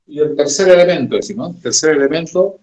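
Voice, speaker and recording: A male electronics teacher giving a slow classroom lecture, talking haltingly and keeping up a steady stream of check-in tags. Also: on the high side, slight background noise. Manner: slow, halting, keeps adding "decimos, ¿no?". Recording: echoey room.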